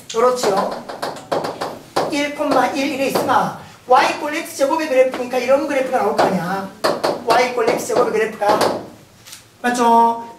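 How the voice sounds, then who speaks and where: A woman with a Gyeongsang Korean accent teaching a math lecture, playful and often laughing as she questions the class. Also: sits high. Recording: roomy, distant mic, noisy.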